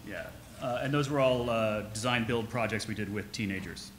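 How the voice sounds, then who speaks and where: A man in his forties, an architect co-presenting on a panel, talking casually with many halting fillers. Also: fairly low pitch, a little hiss or hum. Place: large conference hall. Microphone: podium microphone.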